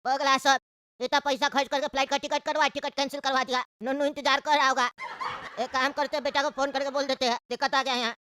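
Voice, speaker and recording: Cranky old cartoon grandfather, woman voicing, Bihari Hindi, bright quick high voice, always complaining. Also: little pitch movement, no room sound. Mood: grumbling, angry. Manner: shouting, grumbling, quarrelsome. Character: fussy impatient grandfather, old man, hot-tempered. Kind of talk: cartoon comedy voice acting.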